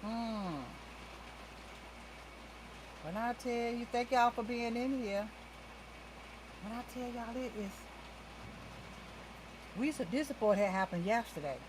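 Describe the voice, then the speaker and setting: A talkative woman with a slightly high voice chats through a casual livestream from indoors at home. She keeps calling her viewers y'all and speaks in a loose, unscripted way as she does her makeup. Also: slow, pauses often, background noise. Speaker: talk show host doing a makeup livestream.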